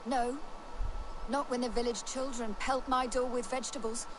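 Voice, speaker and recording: A scheming, lovesick spinster from a video game village, played by a woman. Her high voice is florid and theatrical, with a bawdy streak. Noisy ambience runs behind her. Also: little pitch movement, normal speed, natural voice. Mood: scornful, scheming. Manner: florid, melodramatic.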